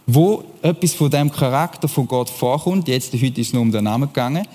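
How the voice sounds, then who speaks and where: A man preaching a lively sermon, often asking his listeners questions. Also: mid-range voice, brisk. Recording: long hall reverb.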